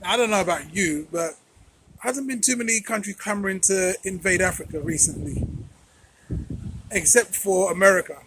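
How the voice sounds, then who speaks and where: A man's voice: high-pitched, normal speed, a bit bright, slight background noise, poor audio. A man hosting a political commentary channel, talking conversationally with rhetorical questions and repeated phrases.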